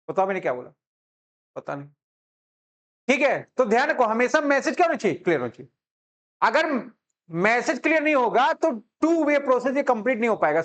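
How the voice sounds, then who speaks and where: A male teacher talks a class through a commerce lesson. He jokes, keeps asking whether the students follow, and his pitch swings widely as he explains. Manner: chatty, joking, checks understanding constantly. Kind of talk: classroom lecture.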